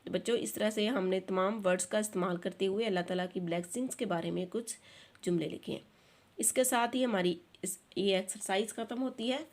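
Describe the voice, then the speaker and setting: A woman teacher giving an online lesson. She reads English sentences aloud slowly, explains them in Urdu, and spells words out letter by letter. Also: medium pitch.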